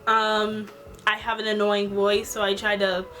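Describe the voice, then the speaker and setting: A young woman chatting quickly and casually as a beauty vlogger, with lots of fillers. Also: mid-range voice, monotone, sharp tone, faint music behind. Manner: talks fast and chatty, with many fillers. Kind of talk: casual skincare vlog talk.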